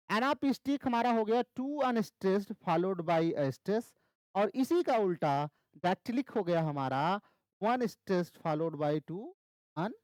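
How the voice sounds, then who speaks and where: Brief: male literature tutor, exam-prep lecture, animated pitch, dry close sound. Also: no echo, low-quality recording. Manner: repeats key terms, asks and answers own questions. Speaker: English literature teacher.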